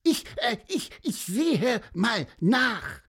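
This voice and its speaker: An excitable little male bird chirps high and stammers through his words, as a man puts him on in a storybook reading. His voice leaps about in a lively sing-song and moves slowly. It sounds faintly husky underneath. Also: exaggerated voice. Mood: alarmed.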